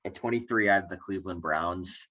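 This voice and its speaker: Deep-voiced young man, dull lo-fi sound. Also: a little fast, fairly bright tone. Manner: hesitant, many "I think" and "I mean" restarts. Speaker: podcast co-host. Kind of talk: casual sports chat.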